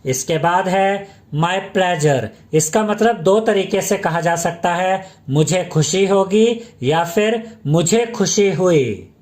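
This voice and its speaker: Indian-accented male teacher, slow deliberate delivery, phrase-by-phrase explanations. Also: high-pitched, darkish tone. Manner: reads each English phrase slowly, then explains it in Hindi. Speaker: English teacher. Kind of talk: Hindi-language English phrase lesson.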